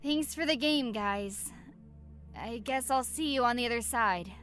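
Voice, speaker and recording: A woman's voice: a little high, unhurried, fairly bright tone, soft background music. A woman voicing a fiercely competitive, hot-tempered and petulant young female gamer in a video game. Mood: bitter resignation. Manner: aggressive, petulant.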